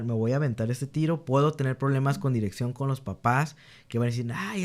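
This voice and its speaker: A young man speaks in a relaxed interview, his voice sitting in an ordinary middle pitch. He tells candid stories of his students, acting out their lines as he goes, often restarting sentences as he gathers his thoughts. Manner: earnest, reenacts dialogue with students, frequent restarts. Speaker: guest, teacher.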